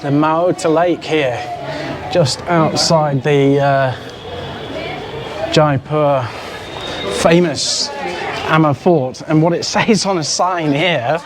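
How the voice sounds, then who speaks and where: A man's voice: on the high side, very slow, long pauses, a crowd in the background. A man making a casual travel vlog outdoors, chatty and enthusiastic, with fillers and asides. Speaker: travel vlogger. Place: outdoors at a hilltop fort. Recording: outdoor street noise.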